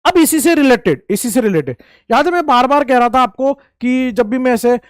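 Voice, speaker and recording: His voice is very high-pitched, expressive, clear, and resonant as this man teaches chemistry at a moderate pace in a relaxed, jokey lecture. He banters with students like friends, circles back to key points, and asks then answers his own questions, recorded in clean studio sound with no room tone.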